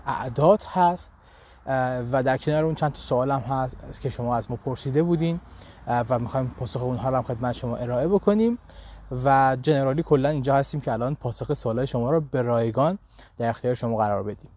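A man's voice: mid-range voice, a little mellow, a little hiss or hum. A man teaching a live online language lesson, with a Persian accent in his English, talking animatedly and checking in with his students often.

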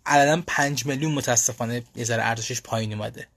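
Answering learners' questions on a relaxed live stream, this Europe-based language school host talks loosely, often restarting and using fillers. His voice is mid-range, a bit bright, fairly even in intonation, with no echo.

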